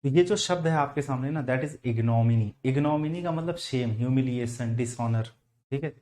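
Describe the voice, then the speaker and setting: A man with a Hindi accent teaches English vocabulary at a medium pitch. He talks patiently, spelling words out letter by letter and repeating them. He asks his students questions as he goes. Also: a little slow, warm tone. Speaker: English teacher for exam prep. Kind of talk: online vocabulary lesson.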